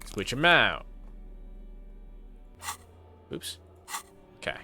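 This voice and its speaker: A man's voice: mid-range voice, very animated, very slow, gravelly, pushed and bright, soft background music. A man streaming a video game with casual, playful, profane commentary, sometimes reading the text aloud.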